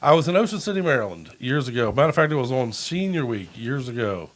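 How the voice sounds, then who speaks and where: A man's voice: medium pitch, big pitch swings, quick pace, rough recording. A man hosting a podcast, telling a long profane story in a rambling, laughing way. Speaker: podcast host. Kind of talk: casual storytelling.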